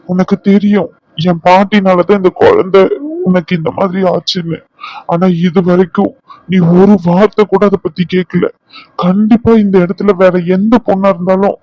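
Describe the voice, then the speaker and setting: A man voicing a tender, remorseful young husband in a cartoon drama, talking slowly and pleadingly. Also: high voice, dry recording, muffled recording, lightly acted. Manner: soft, pleading, slow and emotional.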